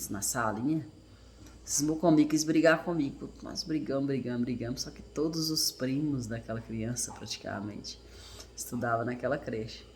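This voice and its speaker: A man in his thirties with a Brazilian Portuguese accent, a father telling a childhood story in a casual, halting, reflective way with frequent self-corrections. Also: medium pitch, slight background noise. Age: 30s. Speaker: father and vlogger.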